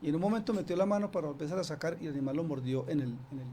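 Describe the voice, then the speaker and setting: Man, radio studio guest, conversational with frequent restarts, slightly high voice, faint background noise. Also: rapid-fire, warm tone. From Antioquia, Colombia. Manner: conversational, many restarts and fillers. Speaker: snake expert guest. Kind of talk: radio interview, explaining.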